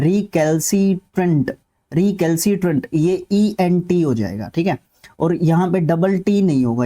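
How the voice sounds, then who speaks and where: A man's voice: fairly high pitch, warm tone. A North Indian man tutoring for an English exam, explaining word meanings and spellings with repeated key words and frequent checks on his students. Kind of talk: online exam-prep lesson.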